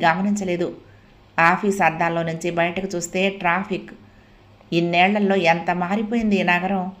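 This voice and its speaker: A woman narrating a family story as an audiobook, in a soft, reflective first-person telling. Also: on the low side.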